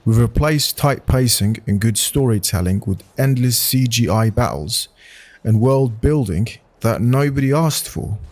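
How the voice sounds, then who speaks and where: A man reads online hot takes aloud and reacts with blunt, casual opinions, swearing and frequently restarting. His mid-range voice has a darkish tone, lively intonation, and a measured pace.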